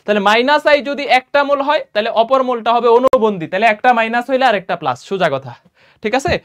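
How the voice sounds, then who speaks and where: Young man, math teacher, clear resonant voice, high pitch, quizzing students, slightly tired, low energy. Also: animated, a bit bright. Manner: quizzing students with quick rhetorical questions; mixes in English math terms. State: tired and a little low on energy after a run. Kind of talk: exam-prep math lesson.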